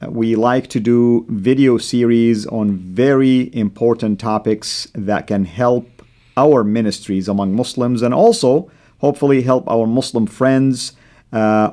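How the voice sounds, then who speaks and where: Brief: Saudi-born male host, native Arabic speaker with an American accent, measured delivery full of fillers, mid-pitched, studio discussion. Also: warm tone.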